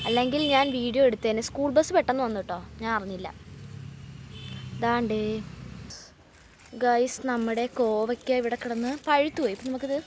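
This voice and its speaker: A woman vlogging casually while walking around her home garden, chatting to her viewers as she films on a phone. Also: on the high side. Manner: chatty, addresses viewers as guys. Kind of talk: casual vlog walkthrough. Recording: faint outdoor background noise.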